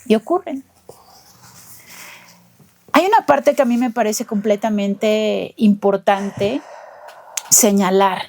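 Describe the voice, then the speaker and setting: Slow, measured woman interviewer. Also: mid-range voice, mellow, slight background noise. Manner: measured, deliberate. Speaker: interviewer, lawyer. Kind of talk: empathetic interview commentary.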